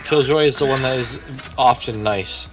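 A man's voice: medium pitch, normal speed, music in the background. A man giving matter-of-fact callouts to teammates during a game. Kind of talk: gaming callouts.

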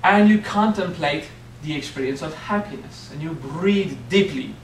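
A middle-aged man with a French accent speaks a little high at a moderate pace, a faint hiss or hum underneath. As a spiritual teacher giving a playful workshop in a hotel meeting room, he keeps asking "okay?", and the far camera leaves the room sounding echoey.

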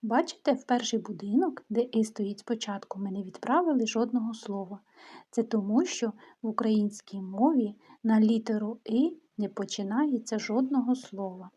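A woman's voice: a little high, normal speed, mellow, breathy edge. A woman giving a patient phonics lesson to young children, prompting and praising them. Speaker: kindergarten teacher.

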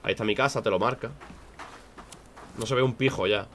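A man giving casual, swear-heavy live commentary on a game, breaking into loud high shouts when startled. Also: a little fast, slight background noise. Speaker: streamer.

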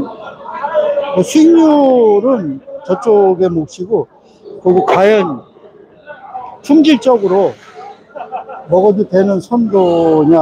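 A man with a fairly high voice talking casually, explaining things as he films on his phone. The sound is a little muffled, with a loud crowd behind him. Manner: casual explanatory, talks over auction noise. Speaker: market price vlogger. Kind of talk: live-stream commentary. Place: indoor wholesale fish market. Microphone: phone held while filming.

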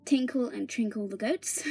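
A woman's voice: fairly high pitch, measured pace, vocal fry, mellow, slightly rough. A young woman narrates a casual tour of her toy horse barn, chatty and giggly, sometimes dropping to a whisper, filmed on a handheld phone in her bedroom. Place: bedroom, indoors. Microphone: handheld phone camera.

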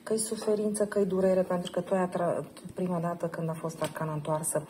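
A woman guiding a participant through a tarot card reading, gentle and probing, often checking in with a short question. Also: fairly low pitch, level tone, slight background noise. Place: group session at a camp.

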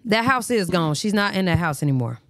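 A woman's voice: fairly low pitch, gravelly, no room sound, studio quality. A woman hosting a live reaction stream in blunt, profane casual talk. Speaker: livestream host.

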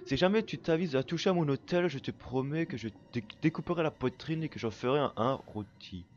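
A man's voice: on the high side, brisk, darkish tone, dull audio, slight background noise, pitched above the performer's own voice, natural voice. A man reading out a game letter as a bitter, cruel mother who scolds and threatens her ungrateful daughter. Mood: scolding. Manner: reproachful, threatening.

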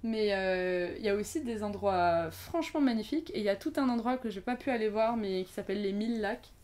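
A young woman in her twenties talks as a podcast guest in a relaxed, chatty way. She strings her thoughts together with fillers and restarts, never quite finishing one sentence before the next begins. Her pitch sits in an ordinary middle range. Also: fairly quick. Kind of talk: casual conversation.

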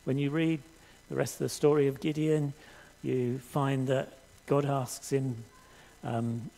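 An older man preaching a sermon in a church hall, earnest and measured, reading scripture aloud to the congregation. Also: mid-range voice, level tone, gravelly, warm tone. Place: church hall stage with audience.

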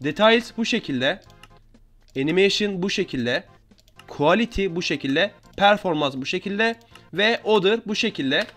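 Young male gaming YouTuber, high voice, chatty play-by-play over faint background music. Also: expressive, measured pace, fairly bright tone. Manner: chatty, teasing opponents, addressing viewers directly. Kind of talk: casual live gameplay commentary. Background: keyboard and mouse clicks.

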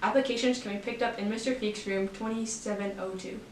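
A woman's voice: a little high, steady tone, a little fast. A teenage young woman co-anchoring school announcements, reading the news items from a script. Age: teens. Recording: roomy echo, faint noise.

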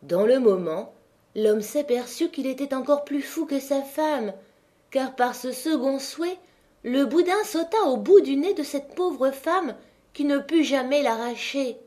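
A woman narrating a fairy tale audiobook in a clear, calm storytelling manner. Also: sits high, a little slow.

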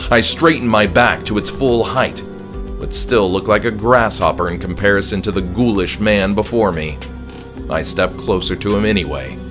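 Speaking at a moderate pace in a lowish voice, a man narrates the horror audiobook he authored. His style is dramatic and scripted, and there is music in the background.

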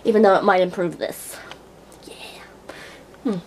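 Young woman vlogger, casual goofy ramble, mid pitch, handheld camera with faint mains hum. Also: normal speed, poor audio. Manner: rambling, goofy, self-deprecating. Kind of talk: casual vlog chat. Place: workplace and home.

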